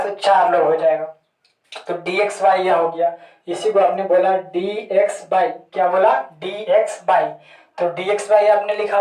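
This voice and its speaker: A man lectures on chemistry at a steady, even pitch that hardly rises or falls. He keeps checking understanding by asking a term back and answering it himself. His voice sounds distant from the mic and carries a noticeable room echo. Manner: repeats key terms as questions to students. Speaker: chemistry teacher. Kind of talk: classroom lecture.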